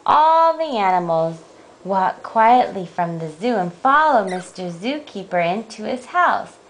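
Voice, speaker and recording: A woman reading a picture book aloud to a child at bedtime at home, slow, gentle and playful. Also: medium pitch, very animated, slight background noise. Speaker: parent reading a bedtime story.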